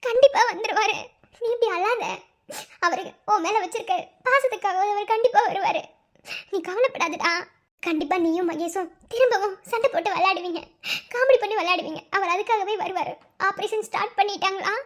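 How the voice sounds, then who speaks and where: A woman's voice: very high-pitched, brisk. A woman voicing a young pregnant wife in a cartoon, anxious and tender, with a Madurai Tamil accent. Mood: tearful. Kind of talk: cartoon voice acting.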